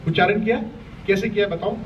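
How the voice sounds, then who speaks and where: The recording is distant and dull with faint room noise. In it, a workshop facilitator with a high-pitched, brisk voice guides school students through an interactive lesson, checking in with them and praising them often.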